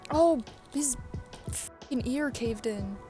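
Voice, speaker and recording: Brash, swearing young woman, a bit high. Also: slow, faint music behind. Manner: blunt, swears a lot, excitable. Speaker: vlogger. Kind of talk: casual chat to camera. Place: sunny, windy backyard outdoors. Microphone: phone held by hand.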